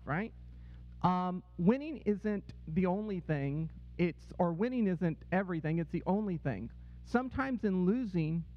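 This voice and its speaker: A man speaking to a congregation, telling a personal story and checking in with "right?" and "okay?". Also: sits high. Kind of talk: testimony talk to a congregation. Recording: dull, echoey hall sound.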